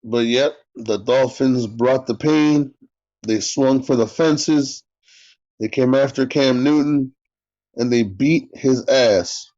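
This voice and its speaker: A man's voice: mid-range voice, slow pace, a little mellow. A man co-hosting a live sports talk stream. He chats casually and jokes sarcastically while he talks to the viewers in the chat. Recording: dull lo-fi stream audio.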